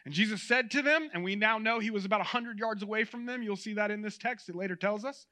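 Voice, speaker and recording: A man preaching a sermon in a conversational, animated way, addressing the audience directly. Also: high voice, fast.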